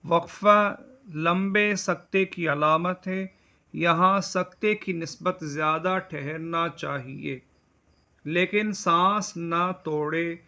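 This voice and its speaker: A man teaching a religious lesson as an Islamic studies teacher, explaining in a measured, deliberate way. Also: a little high, sharp tone. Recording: dull lo-fi voice recording.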